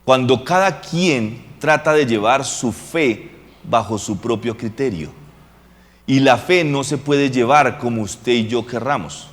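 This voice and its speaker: A man preaching in a church with a long echo, relaxed and joking, asking the congregation whether they follow him. His voice sits at a middle pitch, and the sound lingers in the big room. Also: unhurried. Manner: casual, joking preaching with rhetorical questions to the congregation. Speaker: pastor. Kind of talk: sermon. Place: church hall.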